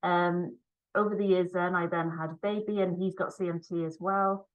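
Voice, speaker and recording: A woman from Cardiff, Wales, with a slight Welsh accent and a lowish, steady voice, speaks at a moderate pace. She's a physiotherapist and para rower giving a conference talk over a video call, conversational and full of ums. The recording is low quality.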